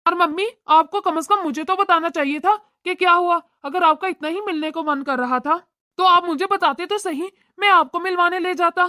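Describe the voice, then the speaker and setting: This is a doting young brother in a cartoon, voiced by a woman. He keeps everyone calm in a very high, bright voice. The recording is dry and close. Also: normal speed, no echo. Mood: placating. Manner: soothing, placating. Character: easygoing young adult brother, doting on his sister.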